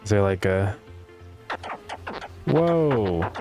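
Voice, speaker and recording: A man's voice: fairly low pitch, animated, drawn-out words. A man chatting casually as a game developer livestreamer, rambling as he thinks aloud, his speech slightly slurred by retainers. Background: music.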